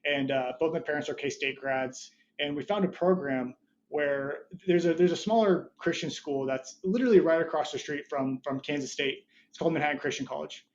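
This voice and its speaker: A man's voice: fairly high pitch, normal speed, dull audio, a little hiss or hum. A man in his thirties, a startup founder talking as a podcast guest, rambling with many restarts and short laughs. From Budapest, Hungary, raised there as an American. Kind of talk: casual interview chat.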